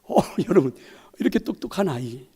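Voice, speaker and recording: A male pastor preaching a sermon, asking the congregation questions, dropping to near whispers and then rising to loud emphatic lines. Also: on the high side, big pitch swings, moderate pace, slightly rough. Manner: swings between loud emphatic lines and soft whispered asides; addresses the congregation directly, asks rhetorical questions.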